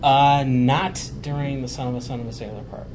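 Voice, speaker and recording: This podcast host has a mid-range voice with a steady tone and talks a little fast against background noise. His chat is conversational and hesitant, full of fillers, until he reads a prepared roundup as a show recap.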